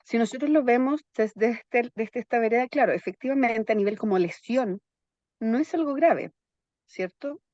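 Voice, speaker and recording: A woman's voice: a little high, expressive, normal speed, darkish tone, no echo. Woman psychologist, dry dull sound. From Chile. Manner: keeps checking in with "¿ya?" tags. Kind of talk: explanatory interview talk.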